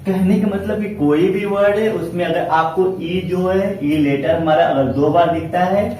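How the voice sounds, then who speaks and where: Male classroom teacher, slightly high, mellow tone, repeats himself and stretches words, faint room hum. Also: unhurried. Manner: repetitive, asks and answers his own questions. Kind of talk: classroom lesson. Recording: echoey classroom from far off.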